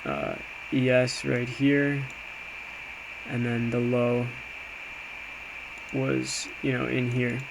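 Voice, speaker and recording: Extremely slow and pausing often, a man with a mid-range voice recaps his trades as an amateur day trader. He's informal, hesitant and self-reflective, talking casually as he moves through a screen. Clear sound, steady background noise.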